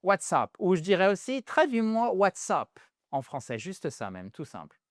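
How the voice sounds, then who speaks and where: A man teaching English to French speakers in a lively video lesson, a native French speaker who addresses viewers as dear friends and repeats English phrases slowly. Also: high voice, no echo, clean studio sound.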